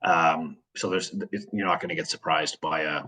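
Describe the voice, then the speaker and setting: A man's voice: rumbling low, fairly even intonation, moderate pace, sharp tone, breathy edge, low-quality recording. A man explaining product selections in a webinar walkthrough, practical and full of fillers.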